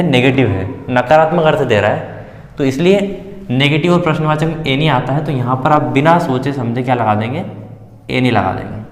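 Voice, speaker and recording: Man teaching English grammar in an echoey room. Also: fairly high pitch. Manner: explains step by step, poses questions and answers them himself. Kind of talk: Hindi-medium grammar lesson. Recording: roomy echo with long reverb.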